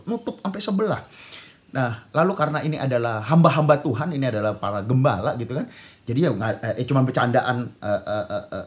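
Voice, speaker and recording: A man preaching a sermon to young people, telling a story dramatically and acting out the voices in it. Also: medium pitch. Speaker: pastor.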